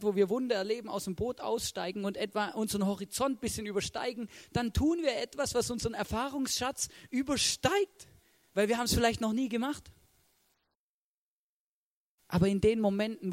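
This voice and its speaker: Very high-voiced animated male preacher. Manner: animated, peppers sentences with "hey" and "oder?"; acts out characters' reactions in a raised voice. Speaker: church leader preaching. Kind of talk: sermon.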